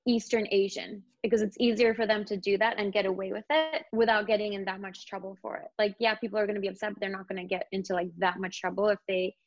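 Speaking quickly with few pauses, a young Indian actor guest chats casually about her work, sprinkling in "like" throughout. Her mid-range voice keeps a fairly even intonation, and the sound has no echo but comes across slightly dull and lo-fi.

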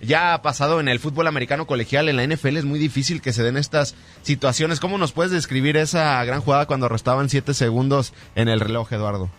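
A man's voice: mid-range voice, quick pace, few pauses, fairly bright tone. Spanish-speaking sports radio host, man. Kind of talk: sports news rundown and interview.

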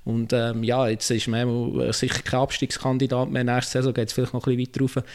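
A man with a Swiss German accent speaks as a panellist in a casual discussion. His pitch is average, and he pieces his points together with hesitations and frequent tag questions. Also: completely flat delivery, a little fast, darkish tone. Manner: ends statements with tag questions, hesitant phrasing. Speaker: football panellist.

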